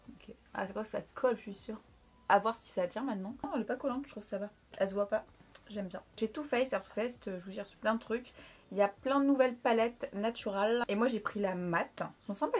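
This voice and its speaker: A woman's voice: medium pitch, fast talker, husky. A young woman chatting casually through a makeup review, frank and playful, talking at close range to her camera. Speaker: beauty vlogger.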